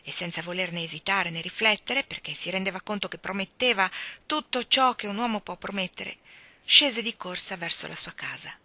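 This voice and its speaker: A woman reading a literary tale aloud in a gentle, measured storytelling manner. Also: mid-range voice, no echo. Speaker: reader.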